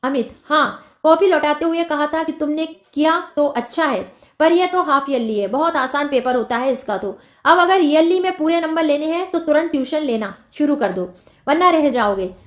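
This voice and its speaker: Brief: sulky tearful schoolboy, read by a woman teacher, complaining, high voice, echoey room. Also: normal speed, close to an everyday voice. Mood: plaintive. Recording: roomy echo.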